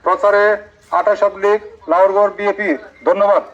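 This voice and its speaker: Man, PA loudspeaker announcement, flat monotone, high-pitched, muffled lo-fi sound. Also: moderate pace. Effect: over a PA loudspeaker. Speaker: border guard announcer. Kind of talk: public warning announcement.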